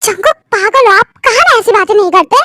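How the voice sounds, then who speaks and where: A woman's voice: very high-pitched, fairly quick, noisy background. A woman voicing a pouting, easily upset young wife who scolds her husband, in a fan audio love story. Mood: scolding.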